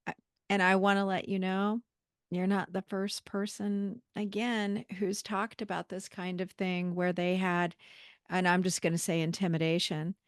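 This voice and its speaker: Low-voiced woman podcast host. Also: level tone, a little slow, clear, resonant tone, no echo, clean studio sound. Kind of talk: casual interview chat.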